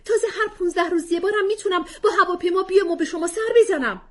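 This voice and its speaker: A woman's voice: mid-range voice, lively intonation, husky, pitched above the performer's own voice. A woman reading a story aloud, voicing a frustrated mother and actress arguing with her husband.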